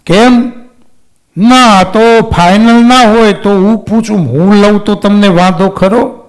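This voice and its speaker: A man's voice: high-pitched, takes it slowly. A man voicing a greedy, scheming village priest in a devotional story, asking sly, wheedling questions.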